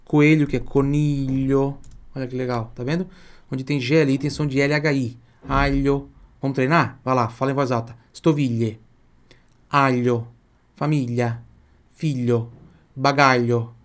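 A Brazilian man with a Brazilian Portuguese accent teaching an online Italian lesson, drilling words slowly and asking viewers to repeat aloud. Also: mid-range voice. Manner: chatty, addresses viewer directly.

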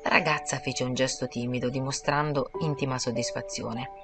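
A woman narrating an audiobook in a measured, calm storytelling manner. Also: a bass voice. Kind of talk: scripted narration. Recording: clear background music.

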